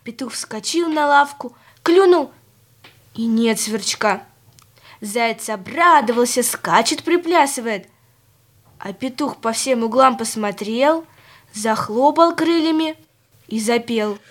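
A woman narrating a children's fairy tale in a gentle, expressive storytelling manner. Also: on the high side, slow.

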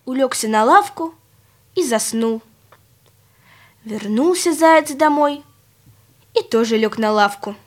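A woman narrating a children's fairy tale in a gentle, expressive storytelling manner. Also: sits high, slow, pauses often.

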